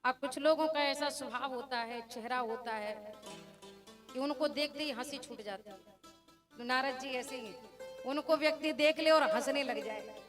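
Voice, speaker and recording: A woman preacher telling a devotional scripture story to a village gathering, addressing the crowd directly and slowly chanting verses. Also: sits high, faint music behind. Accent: Braj-tinged Hindi.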